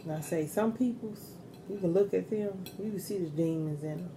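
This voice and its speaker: A woman's voice: fairly low pitch, moderate pace, background noise. A middle-aged woman chatting casually and giving earnest advice while eating crunchy fried chicken in a mukbang. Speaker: mukbang host.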